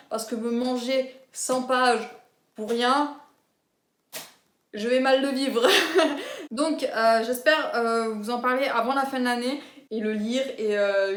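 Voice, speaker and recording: Chatty young woman in a roomy echo. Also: fairly high pitch. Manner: chatty and enthusiastic, many fillers and giggles. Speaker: booktuber. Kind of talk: casual book haul chat.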